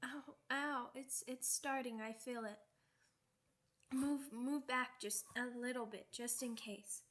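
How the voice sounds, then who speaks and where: In an ASMR roleplay, a woman voices a young werewolf pup girl, speaking very slowly in a fairly high, slightly bright voice with a steady tone. The character is timid and sweet, using hesitant, childlike phrasing and small stammered repeats. She sounds pained and scared.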